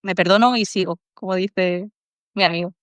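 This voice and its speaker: A Málaga native with an Andalusian Spanish accent, this podcast guest talks in a casual interview, reflective and earnest, sometimes voicing her inner dialogue aloud. Her voice sits on the low side with fairly even intonation and normal speed, and there's no room sound.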